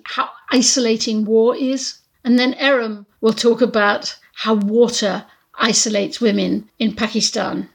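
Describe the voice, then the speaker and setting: A woman's voice: medium pitch, gravelly. A woman hosting a podcast, introducing recorded clips in a reflective, conversational way. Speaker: podcast host.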